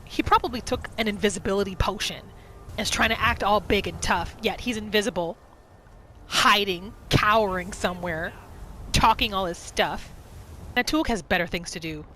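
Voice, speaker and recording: A woman with a medium-pitched, pushed and bright voice narrates her video game roleplay at a moderate pace, telling her character's thoughts in the third person as she plays. She's a gaming roleplay host, and game music plays behind her. The audio is poor, with slight background noise.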